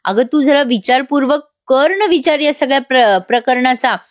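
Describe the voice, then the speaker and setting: An upset, middle-aged doctor father who scolds and begs his daughter, read out by a woman. The voice sits rather high, and it is recorded dry and close. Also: moderate pace, no echo, lightly acted. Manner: pleading, scolding.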